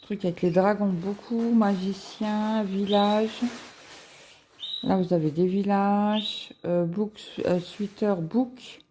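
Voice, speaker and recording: A woman chatting casually as a cross-stitch vlogger, musing aloud with halting fillers as she browses shops online. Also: mid-range voice, fairly even intonation, dark tone, a little hiss or hum. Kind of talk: casual screen-share chat.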